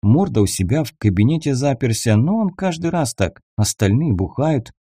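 A man's voice: mid-range voice, expressive, warm tone, no echo, studio quality, natural voice. A man voicing a frightened young male captive who talks nervously and in a hurry. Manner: nervous, hurried, gulping.

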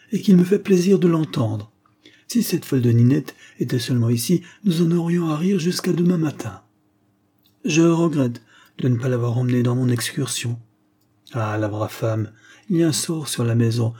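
A man's voice: mid-range voice, moderate pace, dark tone, breathy edge, voice pushed up. A man reading an audiobook, voicing a poised young woman traveler who speaks with cool, amused assurance. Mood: mocking.

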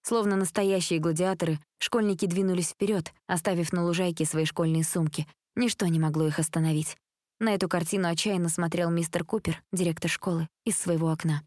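A woman narrating a teen novel as an audiobook in a steady, even storytelling manner. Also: fairly low pitch, brisk, dry recording, studio quality. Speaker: audiobook reader. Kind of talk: scripted narration.

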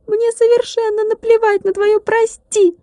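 Woman doing a squeaky indignant glass drummer. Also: little pitch movement, measured pace, warm tone, no room sound, studio quality. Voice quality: high ringing voice. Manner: huffy, clipped, offended. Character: tiny touchy glass drummer, male, indignant.

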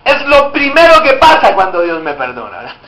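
A man's voice: high voice, wildly swooping pitch, fairly quick, pushed and bright. A man preaching a sermon as pastor, emphatic and often asking the congregation rhetorical questions. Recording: echoey room.

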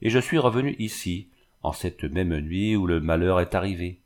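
A man reading the lines of a desperate young peasant mother who has lost her child, in a low voice and a pleading tone. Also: normal speed, a little mellow, lightly acted. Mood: anguished. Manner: pleading, anguished storytelling.

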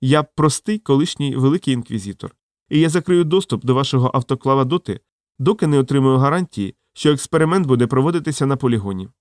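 A man's voice: medium pitch, fast talker, dry recording, studio quality, natural voice. A man reading an audiobook, voicing a haughty old male former inquisitor who speaks coldly and with disdain. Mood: icy. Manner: cold, flat, disdainful. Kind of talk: audiobook character voice.

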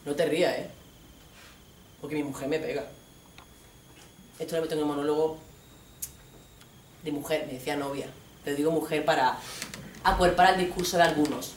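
A woman voicing a brash young man who whines that his girlfriend hits him, speaking in a lowered voice for a stage monologue. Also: steady tone, moderate pace, pauses often, recorded from a distance, a little hiss or hum, natural voice. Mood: self-pitying. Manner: brash, whiny, slangy. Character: macho young male boyfriend playing victim. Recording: roomy live stage recording from afar.

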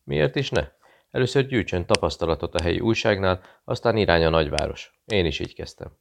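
A man reading a calm British investigator who talks in a friendly, quietly persuasive way. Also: low voice, vocal fry, noisy background. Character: cool British male investigator posing as journalist.

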